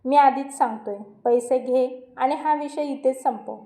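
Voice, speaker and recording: A woman voicing a middle-aged father who speaks calmly and firmly. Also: sits high, a little slow. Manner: calm and firm. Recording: roomy echo.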